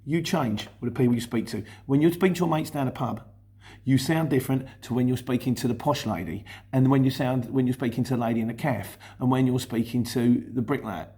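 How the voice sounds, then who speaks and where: Rambling casually through explanations in his vlog, a middle-aged man from Luton, England, often stops to correct himself. He's a YouTube host and courier driver with a Cockney-influenced London accent, and his mid-range voice sounds mellow and fairly quick.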